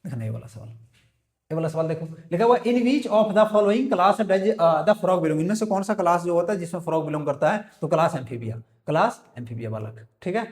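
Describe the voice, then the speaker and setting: A man's voice: sits high, expressive, normal speed, a little mellow. A male biology teacher, working through exam questions in a quizzing way, repeating each question and answering it himself. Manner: quizzing, repeats his own questions and answers them, calls students "बालक". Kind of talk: exam-prep lecture, solving multiple-choice questions aloud. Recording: echoey room.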